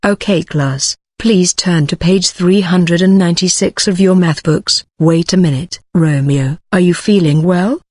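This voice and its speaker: A man's voice: high voice, measured pace, hardly any pauses, darkish tone, no room sound, studio quality, pitched above the performer's own voice. A man voicing a prim female schoolteacher in a fussy, teacherly manner. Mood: concerned.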